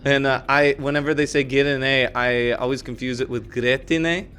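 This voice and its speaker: A man's voice: mid-range voice, flat delivery, moderate pace, a bit bright. A man co-hosting a casual chat, telling stories with lots of fillers and restarts. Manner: rambling, storytelling with many fillers and restarts. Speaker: podcast co-host.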